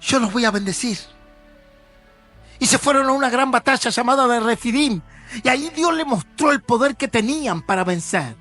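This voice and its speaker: A man's voice: very high-pitched, a little fast, pushed and bright, soft background music. A man, preaching a sermon in a church in an emphatic, conversational way. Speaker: pastor.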